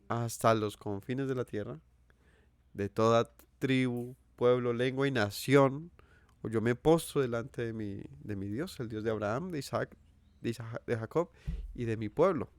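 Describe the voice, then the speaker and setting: With a mid-range voice and a measured pace, a Colombian preacher gives an earnest teaching sermon in his Colombian accent. He poses questions to listeners and repeats key phrases, and the audio has no echo.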